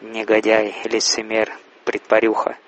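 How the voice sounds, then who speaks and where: A man with a low voice relays a religious lecture in translation. His pitch barely moves, and his delivery is halting, with frequent pauses and restarts. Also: completely flat delivery, fairly bright tone, muffled recording.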